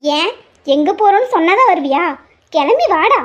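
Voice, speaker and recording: A woman with a very high voice doing cartoon character voices. She scolds and orders others around in a bossy tone. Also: expressive, normal speed, dull audio. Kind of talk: cartoon story voice acting.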